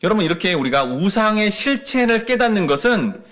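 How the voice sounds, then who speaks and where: A man's voice: high voice, very animated, a little fast, a bit bright. A man preaching a sermon as pastor, asking the congregation rhetorical questions with rising and falling emphasis.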